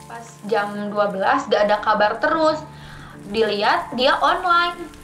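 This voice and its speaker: High-voiced woman with a lilt. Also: a little slow, reverberant, faint music behind. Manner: animated, acts out dialogue in raised voices. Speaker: podcast guest. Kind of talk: casual storytelling.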